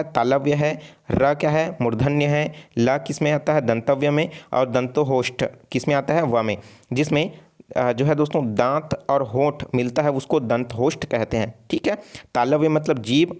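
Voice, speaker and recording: A man's voice: mid-range voice, darkish tone. A man teaching an online exam-prep lesson, explaining step by step and repeating himself often. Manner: repetitive, explains step by step with frequent fillers.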